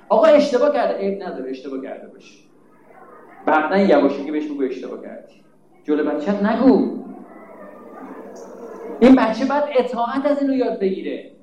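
High-pitched guy preaching, scolds a lot, lots of rhetorical questions, echoey room. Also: a little mellow, slight background noise. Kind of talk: religious sermon.

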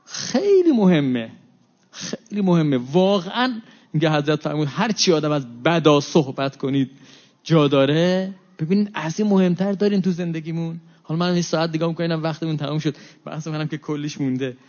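Animated high-voiced man preaching, lo-fi. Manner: animated, acts out quoted exchanges with rises and drops in voice. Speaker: religious lecturer. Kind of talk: religious talk to an audience. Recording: dull lo-fi recording.

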